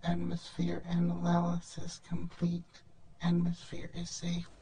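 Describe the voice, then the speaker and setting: An actor doing a calm monotone ship computer. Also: mid-range voice, a little hiss or hum, low-quality recording. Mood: neutral. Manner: flat, measured status reports. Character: calm, even-toned starship computer AI. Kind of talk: sci-fi film dialogue. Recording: film score under the voice. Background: music score.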